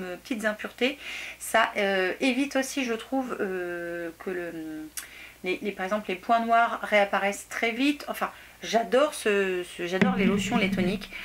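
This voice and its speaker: A young adult woman chatting casually through a beauty product review, hesitant, with many fillers and restarts. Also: medium pitch. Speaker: beauty vlogger.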